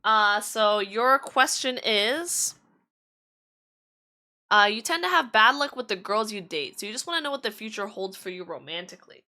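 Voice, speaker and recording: Bright, giggly streamer woman. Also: medium pitch, expressive, moderate pace. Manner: chatty and giggly, heavy with fillers. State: slightly strained, losing her voice. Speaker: tarot-reading streamer. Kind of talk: casual live-stream chat.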